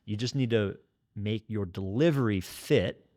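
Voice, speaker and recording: A man's voice: fairly low pitch, a little slow, warm tone. A man in his forties with a nasal voice, a fitness educator chatting at length on a podcast and explaining everything in detail. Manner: talkative, over-explaining, joking. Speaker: kettlebell trainer and fitness educator. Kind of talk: casual podcast conversation.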